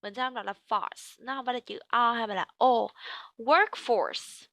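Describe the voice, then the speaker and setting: A woman with a Vietnamese accent teaching English pronunciation, modelling words slowly and repeating them for her student. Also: fairly high pitch, fairly bright tone, no echo.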